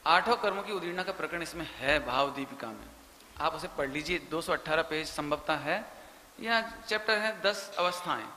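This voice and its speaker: A man giving a religious sermon, animated and emphatic, speaking directly to his listeners. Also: fairly high pitch. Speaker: Jain preacher. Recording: echoey hall with faint noise.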